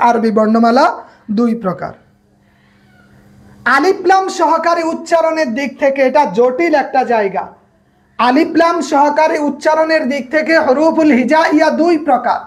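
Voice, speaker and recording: A woman leads a grammar class. She has a high-pitched voice, states each rule, then asks it back as a question and answers it again. She calls on students by name to check they follow. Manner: repeats points and asks the class to echo them. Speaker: grammar instructor. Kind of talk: online class lecture.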